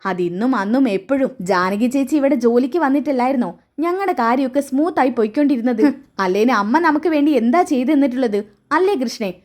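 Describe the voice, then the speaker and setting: A woman's voice: sits high, animated, fast, darkish tone. A woman reading the lines of a blunt, defiant young adult daughter reproaching her mother. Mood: reproachful.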